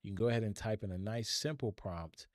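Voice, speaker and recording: A man's voice: lowish voice, quick pace, no room sound, clean studio sound. A middle-aged man hosting a live tech stream, chatting casually and rambling as he talks straight to his viewers. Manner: chatty and rambling, addresses chat directly.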